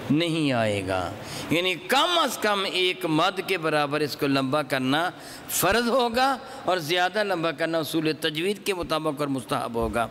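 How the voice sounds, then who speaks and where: Male Quran teacher, high bright voice, chants examples and quizzes class, echoey hall. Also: a little hiss or hum. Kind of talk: classroom religious lesson on recitation.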